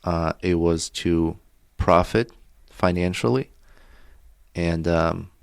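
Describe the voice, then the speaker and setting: Deep-voiced man in casual podcast chat. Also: creaky, clean tone, no room sound, studio quality. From Azerbaijan. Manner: opinionated, halting with restarts. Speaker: podcast co-host.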